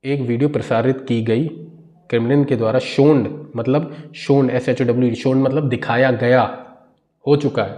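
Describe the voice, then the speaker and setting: A man with an Indian accent slowly reads English phrases from a newspaper and breaks each one down word by word in Hindi. He has a mid-range, a little mellow voice and keeps a steady tone.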